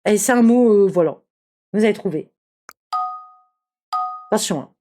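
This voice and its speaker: A woman streaming a game live, excitable, swearing, laughing and shouting at the screen. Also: mid-range voice, normal speed, slight background noise. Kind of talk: live gameplay commentary.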